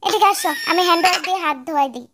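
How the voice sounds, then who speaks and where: A woman's voice: very high-pitched, very fast, background noise. A woman voicing a doting young husband who coaxes and sweet-talks his wife, in a fan-dub drama. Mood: coaxing. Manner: soft, coaxing, sweet-talking.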